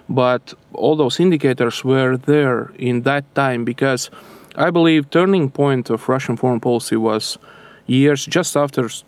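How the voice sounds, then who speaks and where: A man's voice: mid-range voice, vocal fry, darkish tone, no echo. Latvian-accented man explaining, dry close sound. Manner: earnest, analytical, non-native phrasing. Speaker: foreign policy researcher, interview guest. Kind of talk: explanatory interview answers.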